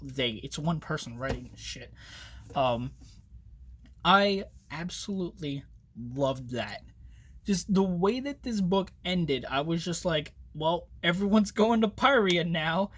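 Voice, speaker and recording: A young man giving a casual spoken book review, rambling and excitable, swearing often and trailing off with fillers. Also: fairly high pitch, husky.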